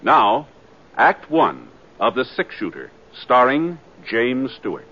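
A man's voice: medium pitch, very animated, slow, noisy background. A man announcing a 1950s radio western with dramatic, scripted delivery. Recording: muffled old radio recording, loud music.

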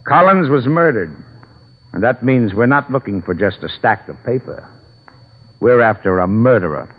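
An actor playing a brisk, commanding police lieutenant in a 1940s radio mystery, heard over a tinny old broadcast. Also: male voice, mid-range voice, lively intonation, noisy background, lightly acted. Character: gruff middle-aged male police lieutenant.

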